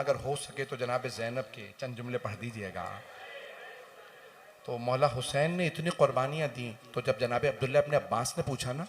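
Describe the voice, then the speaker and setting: A male cleric delivering a mourning sermon, moving from soft storytelling to loud, wailing recitation. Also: mid-range voice, slight background noise. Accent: Indian English-Urdu mix, Londoner. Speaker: Shia cleric giving a majlis.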